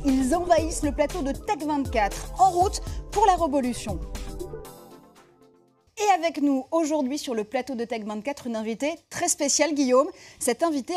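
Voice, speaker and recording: High, mellow-voiced female TV presenter. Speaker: television presenter. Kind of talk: scripted studio presenting and interviewing.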